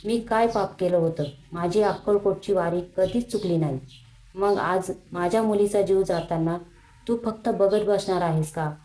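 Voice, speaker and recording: A woman's voice: mid-range voice, normal speed, warm tone, natural voice, rough recording. Desperate grieving father, read by a woman. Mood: anguished. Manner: anguished, pleading.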